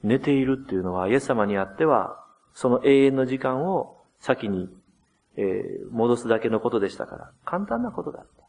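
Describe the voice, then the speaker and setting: A man preaches to his congregation in a gentle, explaining way, his voice sweeping up and down with lively melody. His pitch sits in an ordinary middle register for a man, and he acts out quoted lines with shifts in tone. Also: normal speed, vocal fry. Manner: gentle, explanatory, addresses the congregation with soft tag endings; dramatizes quoted words with shifts of pitch and loudness. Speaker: pastor. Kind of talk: sermon.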